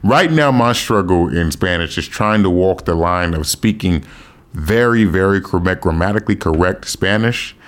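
A man's voice: deep voice, animated, normal speed. A man from the United States chatting casually and slangily, with some swearing and bits of Spanish mixed in. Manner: slangy, profane, mixes in Spanish phrases. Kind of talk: casual chat about language learning.

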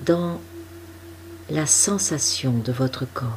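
A woman with a deep, low voice leads a meditation, speaking very slowly and softly. She gives calm, unhurried instructions over a faint ambient hum.

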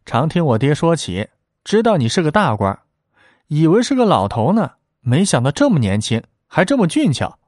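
A man voicing a bold young girl who talks quickly, chirpily and artlessly. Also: fairly high pitch, wildly swooping pitch, a little mellow, no echo, clean studio sound. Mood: teasing. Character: giggling bold young girl, cheeky and fearless.

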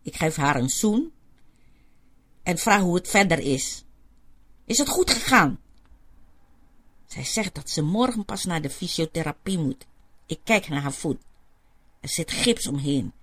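A woman's voice: deep voice, lively intonation, measured pace, breathy edge. A woman telling a first-person story in a chatty, homely way.

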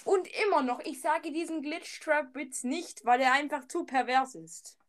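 High-pitched woman, casual podcast chat, giggly, hesitant. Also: unhurried.

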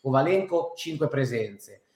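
A man with a mid-pitched voice argues about football in a casual panel chat. His delivery is emphatic and exasperated, peppered with swearing. The sound is roomy, with clear echo around the voice. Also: lively intonation, measured pace, a little mellow. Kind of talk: casual heated football discussion. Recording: roomy, echoing room sound.

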